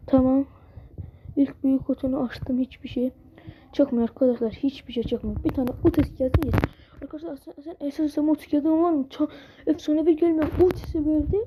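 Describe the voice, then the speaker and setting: High-pitched, impatient gaming commentator. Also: female voice. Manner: impatient, exasperated, repeats words over and over. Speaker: mobile gaming channel host. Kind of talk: casual gameplay commentary. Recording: dull lo-fi sound with steady background noise.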